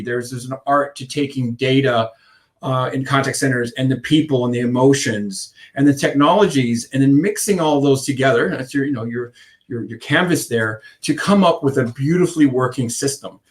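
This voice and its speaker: His voice is mid-range. He's an Icelandic man in his fifties, a contact centre consultant, whose interview answers wander, full of fillers and false starts.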